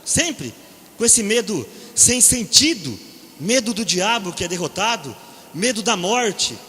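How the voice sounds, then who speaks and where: A middle-aged man with a Brazilian Portuguese accent preaches in a lively storytelling style, joking and acting out voices as he goes. His voice sits high and rings bright. The sound carries a long hall reverb. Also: a little slow. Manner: animated, jokes and acts out quoted voices, keeps asking "né?". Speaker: preacher at a deliverance seminar. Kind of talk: humorous storytelling sermon. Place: church or seminar hall. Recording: echoey hall.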